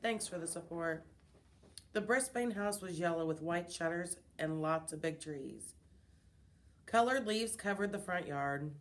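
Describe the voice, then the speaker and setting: A woman reading a children's chapter book aloud, in an expressive storytelling manner. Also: fairly low pitch, unhurried. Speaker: reader.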